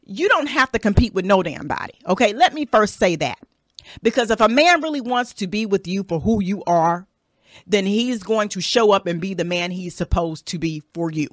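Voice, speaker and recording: Recorded in studio quality with no echo, a medium-pitched woman in her thirties delivers a casual advice monologue on her solo podcast. She's blunt and profane, frequently ending points with "okay?"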